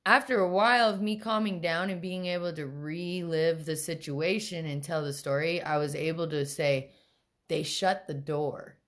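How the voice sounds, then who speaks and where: Woman, podcast co-host, casual storytelling, animated, slightly low voice. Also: normal speed. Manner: animated retelling with quoted voices, frequent "um" and "like".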